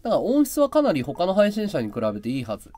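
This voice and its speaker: Chatty man with a very animated pitch. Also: fast, faint music behind. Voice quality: high, very carrying voice. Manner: chatty, explains his audio gear and voice tricks. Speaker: live streamer. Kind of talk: casual live-stream chat. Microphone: desk mic through an audio interface and mixer.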